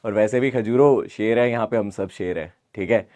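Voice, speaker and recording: A man with a hoarse, sore voice, chatting casually as a live online physics teacher. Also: lowish voice, moderate pace, darkish tone, dry recording. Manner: chatty, repeats greetings, mixes English into Hindi. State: hoarse, sore throat from fever. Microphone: close mic, amplified.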